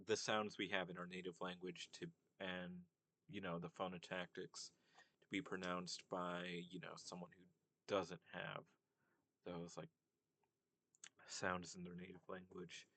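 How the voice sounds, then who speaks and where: A man's voice: low voice, level tone, unhurried, a bit bright, dry recording. A young man talking casually about language, rambling with many fillers and restarts. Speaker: commentator on language. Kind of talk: casual monologue.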